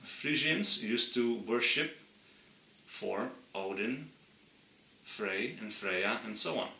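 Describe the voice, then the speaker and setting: A man from Friesland, earnestly explaining history to his channel's viewers and slowing down to stress key points. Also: mid-range voice, expressive, gravelly, pushed and bright, echoey room, far from the mic, a little hiss or hum, rough recording. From Friesland, Netherlands. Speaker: channel host. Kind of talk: explainer monologue.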